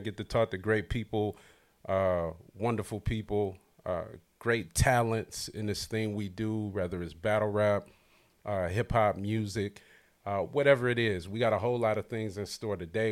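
A man hosting a casual hip-hop podcast, talking loosely and hyped with lots of slang. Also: on the low side. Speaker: podcast host. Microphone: livestream podcast setup.

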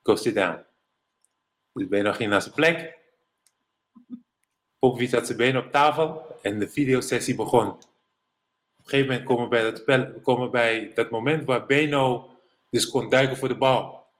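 A middle-aged man from the Netherlands, a former professional basketball player, telling animated anecdotes as an interview guest. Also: mid-range voice, moderate pace, pauses often. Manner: animated anecdotes, mimics others in English quotes. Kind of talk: casual storytelling interview.

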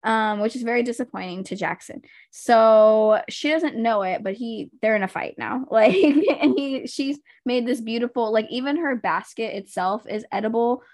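A woman's voice: fairly high pitch, normal speed, hardly any pauses, darkish tone, dry recording, studio quality. A woman hosting a podcast, recapping TV episodes in a chatty, rambling way, full of ums and likes. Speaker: podcast host.

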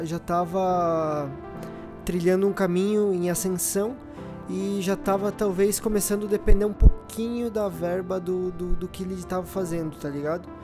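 A man from southern Brazil with a Brazilian accent, chatting casually and slangily as a podcast guest, thinking aloud in halting phrases. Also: fairly high pitch. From Rio Grande do Sul, Brazil. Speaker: podcast guest, drummer in an independent band.

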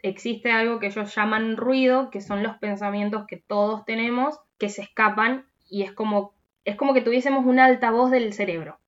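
A woman with a Rioplatense Spanish accent, co-hosting a podcast in casual chat. She rambles, restarts her sentences and trails off into soft asides. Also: a little high, steady tone, moderate pace, dull audio. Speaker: podcast co-host.

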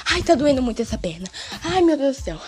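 Woman as a frantic injured schoolboy, high slow drawn-out pleading; light music bed. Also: wildly swooping pitch. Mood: desperate. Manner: whiny pleading, drawn-out wails. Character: panicky young schoolboy in pain, wailing.

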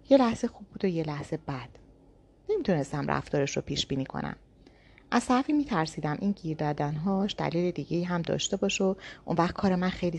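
A woman reads a novel aloud in the first person. Her voice is slightly low, and her telling stays calm and inward. She sounds like an audiobook narrator. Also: gravelly.

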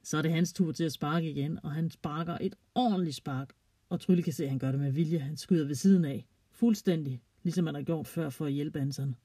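A storyteller reading a children's story aloud in a plain, even way. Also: mid-range voice, husky, no echo.

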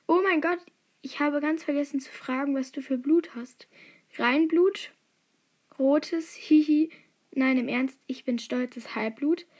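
Young woman, high voice, excitable and giggly, casual quiz read-through. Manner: excitable, giggly, drops to whispers. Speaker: quiz taker reading aloud. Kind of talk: casual chat, reading a quiz and story aloud.

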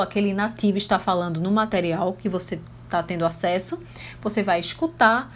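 A woman's voice: medium pitch, slight background noise. A woman with a Brazilian Portuguese accent, an English teacher giving a podcast lesson in a chatty way, posing questions to her listeners and answering them herself.

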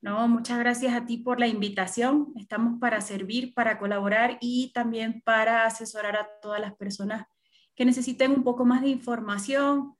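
A woman's voice: on the high side, fairly even intonation, normal speed. Venezuelan woman with a Caribbean Spanish accent. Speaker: podcast guest, travel assistance expert. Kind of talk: interview talk.

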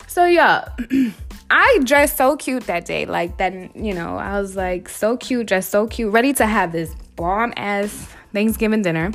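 A young woman casually telling a wild story to her listeners, animated and swearing freely, calling them y'all. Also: medium pitch, a little slow, soft background music.

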